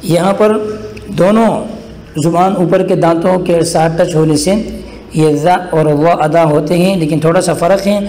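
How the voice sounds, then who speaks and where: A man from Pakistan teaching a recorded lesson on reading Arabic letters, patient and slow as he draws out each letter sound. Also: a little high, fairly even intonation, darkish tone, roomy sound, long reverb tail.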